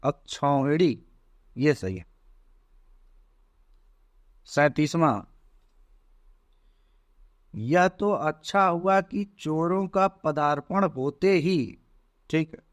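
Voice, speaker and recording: A man teaching as he goes through an exam paper, slow and deliberate, often checking in with "theek hai". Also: fairly high pitch, expressive, no echo, studio quality. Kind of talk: exam paper walkthrough lesson.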